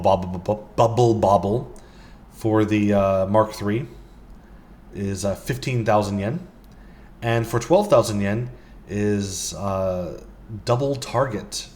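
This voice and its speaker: In a lowish, darkish voice, a vlogger casually talks his way through the items in a game shop. His walkthrough commentary rambles, full of ums and uhs.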